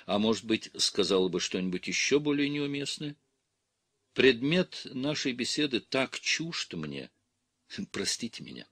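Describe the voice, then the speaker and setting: A man's voice: medium pitch, big pitch swings, unhurried, fairly bright tone, no room sound, heavily acted. A man reading an audiobook, voicing a young, innocent nun who answers earnestly and apologetically. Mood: earnest pleading.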